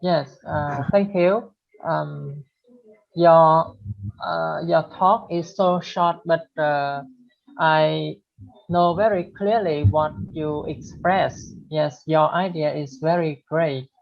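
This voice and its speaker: A woman hosting a group discussion, speaking halting, hesitant English as she hands over between speakers. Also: low-pitched, vocal fry. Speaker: discussion host. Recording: muffled, lo-fi audio.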